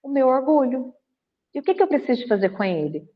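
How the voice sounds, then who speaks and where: A woman's voice: high-pitched, quick pace, highs cut off. A woman giving a spiritist lecture, telling stories animatedly and acting out the dialogue. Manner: animated storytelling, acts out dialogue. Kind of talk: spiritist talk. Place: home video call.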